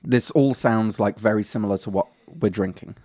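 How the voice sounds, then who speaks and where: Curious low-voiced man tasting a drink. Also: moderate pace, mellow. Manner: curious, asks questions, dry joking. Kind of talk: casual chat.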